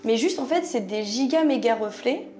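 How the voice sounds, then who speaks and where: A young woman from France chatting casually to camera in her bathroom at night, slangy and animated with viewers. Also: on the high side, normal speed, faint music behind. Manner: chatty, slangy, addresses viewers as "les gars". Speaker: YouTuber.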